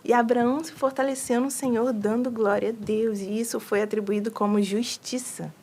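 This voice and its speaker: A woman talking casually about faith, animated and slangy, acting out little quoted prayers. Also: fairly high pitch, normal speed. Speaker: guest on a faith livestream.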